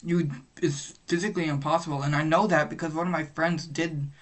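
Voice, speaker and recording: A man's voice: fairly high pitch, steady tone, fairly quick. Laid-back man chatting in a reaction video. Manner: laid-back, slangy remarks. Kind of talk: casual reaction chat.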